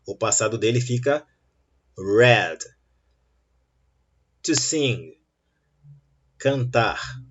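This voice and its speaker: Guy teaching english grammar real slow, kinda husky voice, dull lo-fi sound. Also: mid-range voice, animated. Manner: slow, patient explaining with rising checks like "tá bom?". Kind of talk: bilingual grammar lesson. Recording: dull lo-fi recording.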